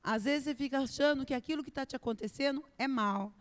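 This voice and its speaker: Woman preacher, Brazilian Portuguese accent, high pitch; expressive, dramatic sermon delivery; long church-hall reverb. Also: quick pace. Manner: expressive, acts out prayers and God's replies, swings between soft and loud. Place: church sanctuary.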